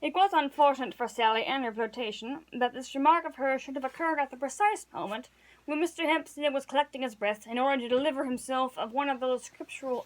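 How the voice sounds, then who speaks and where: Woman narrator, high voice, amateur read-aloud with self-corrections. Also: rough recording. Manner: stumbles and corrects words while reading. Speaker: reader.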